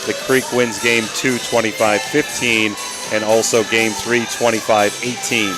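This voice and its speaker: A man hosting a high school volleyball broadcast, giving steady score recaps and lifting his voice for big moments. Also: unhurried, music in the background, poor audio. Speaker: broadcast host. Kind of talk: sports broadcast score updates.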